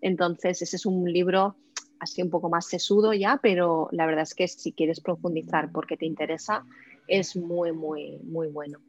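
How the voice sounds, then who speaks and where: A woman's voice: on the low side, steady tone, moderate pace, slight background noise. A woman in her forties, an astrologer guest chatting in a podcast interview, hesitant, with many fillers and restarts. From Spain. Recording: muffled lo-fi audio.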